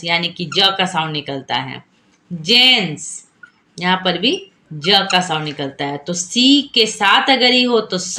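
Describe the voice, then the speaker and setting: A woman's voice: medium pitch, sharp tone. A woman teaching a phonics lesson, patiently explaining and repeating each rule and quizzing the viewer.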